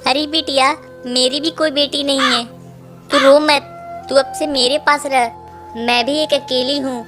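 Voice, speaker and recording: A woman's voice: high-pitched, steady tone, a little slow, faint music behind. A woman voicing a kind, motherly crow queen who comforts a crying girl. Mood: comforting. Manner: gentle, comforting.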